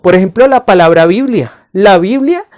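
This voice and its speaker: A man teaching a Bible lesson to camera, patient, calling the listener his friend and asking rhetorical questions, slowing on key phrases. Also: high voice, lively intonation, darkish tone.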